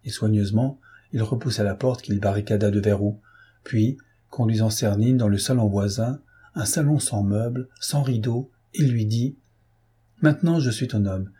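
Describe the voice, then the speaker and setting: A man narrating a novel in a measured, expressive storytelling manner. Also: on the low side, breathy edge. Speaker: audiobook narrator.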